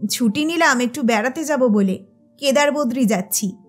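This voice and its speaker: A woman's voice: high-pitched, moderate pace, faint music behind. A woman voicing a grown son who talks hurriedly and awkwardly, saying more than he needs to.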